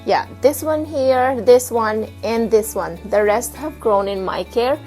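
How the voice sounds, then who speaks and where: A woman vlogging casually at home, showing her houseplants and pausing to hunt for words. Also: fairly high pitch, darkish tone, faint music behind, poor audio. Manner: chatty, pauses to hunt for words. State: slightly out of breath. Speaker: plant vlogger. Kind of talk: casual show-and-tell vlog. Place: home with plant shelf, indoors.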